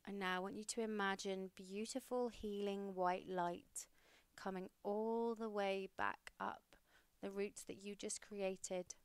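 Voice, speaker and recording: A young woman hosting a podcast, leading a guided meditation in a slow, soothing, steady way. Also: mid-range voice, smooth, no echo.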